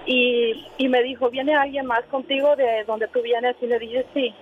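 A woman's voice: a little high, flat delivery, a little slow, a little hiss or hum. Woman on a tinny phone line. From Honduras. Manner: hesitant, many fillers. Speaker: caller. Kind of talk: telling a personal story on a call-in show. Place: in a moving car.

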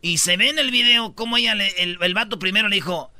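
A man's voice: high-pitched, quick pace, bright, forceful tone, no echo. A man hosting a radio show, telling stories in playful, slangy banter.

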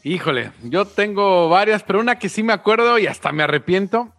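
Bright-voiced radio co-host man. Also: high-pitched, animated, a little fast, faint music behind. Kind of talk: casual radio chat.

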